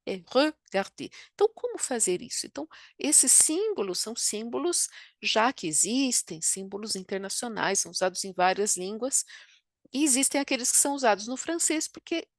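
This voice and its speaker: A woman's voice: on the high side, big pitch swings, a little fast, no room sound, clean studio sound. A woman from Brazil with a Brazilian Portuguese accent, teaching French pronunciation in an online lesson and often checking in with tag questions. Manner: explanatory, frequent tag questions. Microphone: computer microphone while drawing with a mouse.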